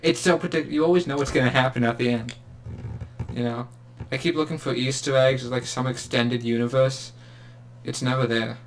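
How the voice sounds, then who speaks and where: A man's voice: mid-range voice, fairly even intonation, moderate pace, slight background noise. Sarcastic young man, rambling podcast chat. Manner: sarcastic, laughing, rambling with many fillers. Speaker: podcast co-host. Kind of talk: casual chat.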